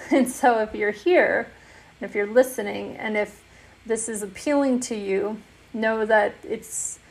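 A woman who founded an online community, talking casually and softly about it, with frequent fillers and restarts. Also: medium pitch, vocal fry. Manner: soft, meandering, many fillers and restarts. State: has the hiccups. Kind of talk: casual spoken promo talk.

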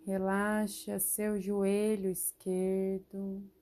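Very slow, mellow woman guiding meditation. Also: medium pitch, monotone, a little hiss or hum. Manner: slow, soothing, instructional, with long pauses. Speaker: meditation guide. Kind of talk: guided relaxation meditation.

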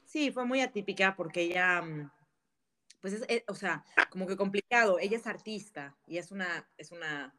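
A woman, a guest telling stories in a casual interview in a candid, animated way, laughing often. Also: medium pitch, normal speed.

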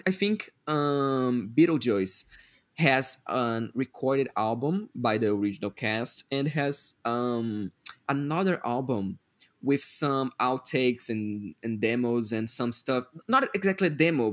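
A man's voice: medium pitch, expressive, unhurried, fairly bright tone. A man co-hosting a podcast, chatting casually and thoughtfully. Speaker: podcast co-host. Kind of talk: casual chat.

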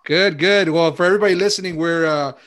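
A male podcast host interviewing a guest over a video call in a relaxed way, with fillers. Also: on the high side, fast. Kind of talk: casual interview.

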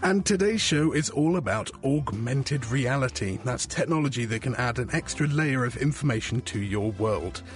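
A British man presenting a scripted science show as host, with a bright, curious manner. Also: medium pitch, lively intonation, normal speed, hardly any pauses, faint music behind.

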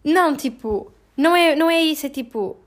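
A woman speaks in a slightly high voice. Her answers are frank and direct, and she leans on filler words constantly as she talks her way through casual interview questions. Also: lively intonation, a little fast.

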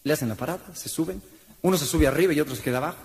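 A man's voice: a little high, rapid-fire. A man with a Mexican accent telling jokes in a slangy stand-up comedy routine. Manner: joking, slangy, lively punchlines.

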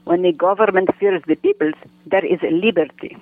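A man's voice: sits high, moderate pace, dry recording. A man voicing a feisty, doting older woman who calls everyone darling and speaks broken English. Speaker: regular segment guest. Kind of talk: comic phone-in chat. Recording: tinny phone line.

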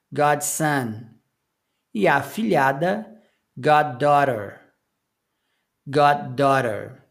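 A man teaching English vocabulary, reading each word and repeating it slowly for learners. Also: a little high, gravelly. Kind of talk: vocabulary lesson with slow repetition.

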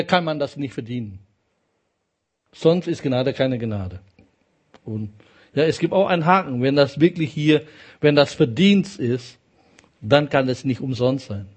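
Slow, emphatic preacher, fairly high voice. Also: male voice, animated, a little mellow. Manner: emphatic, repeats key phrases, asks the congregation "ja?". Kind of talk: sermon.

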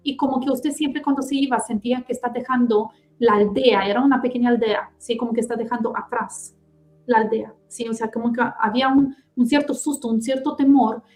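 A woman giving a past-life reading as an interview guest. She speaks in halting, searching phrases, often checking in with a quick "¿sí?". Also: fairly high pitch, steady tone, darkish tone. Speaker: clairvoyant guest.

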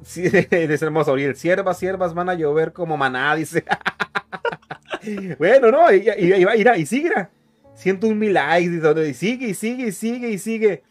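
A man's voice: sits high, lively intonation, moderate pace, echoey room, faint music behind. A man hosting a church web show, laughing often as he reads comments aloud in casual chat. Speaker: host of a church online program.

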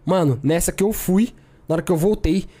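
A man's voice: high-pitched, fairly quick, mellow. A young man co-hosting a podcast and telling a story in a casual, slangy way, full of repeated filler words. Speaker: podcast co-host.

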